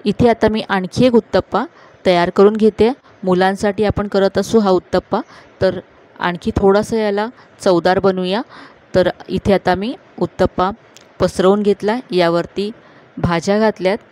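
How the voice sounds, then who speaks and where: Calm woman explaining a recipe. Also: mid-range voice, moderate pace. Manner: calm, instructive, addressing viewers directly. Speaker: cooking channel host. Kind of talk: step-by-step cooking voice-over.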